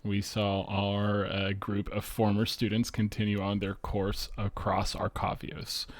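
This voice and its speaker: A man with a fairly low voice narrates a tabletop game as its game master. He talks in a relaxed way, with frequent fillers and pauses.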